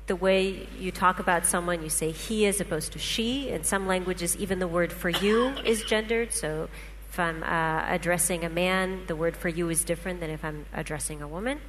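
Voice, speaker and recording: This woman's voice is on the low side and a bit bright. A native speaker of Russian, she presents her research to a panel, patiently illustrating her points with examples, recorded in a reverberant hall with a faint hum.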